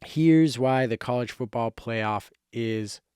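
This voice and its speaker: A man's voice: mid-range voice, slow, a little mellow, clean tone, no room sound, clean studio sound. A man hosting a YouTube sports show from a closet, giving casual, slangy, emphatic commentary in a monologue. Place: small closet indoors.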